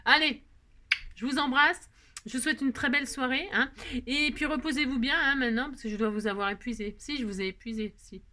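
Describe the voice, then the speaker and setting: A woman's voice: high-pitched, a little fast, sharp tone. A woman hosting a chatty crafting tutorial, rambling and self-mocking, talking to herself as she works. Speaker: craft video host.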